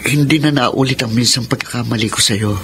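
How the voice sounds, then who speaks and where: A man's voice: medium pitch, brisk, background noise, lightly acted. A man acting a defensive, evasive young boyfriend in a Tagalog radio drama. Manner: defensive, placating. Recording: music bed under the voice.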